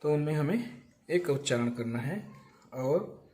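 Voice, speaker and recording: A man's voice: a little high, expressive, a little slow, mellow. A man teaching an English grammar lesson, explaining step by step and asking and answering his own questions.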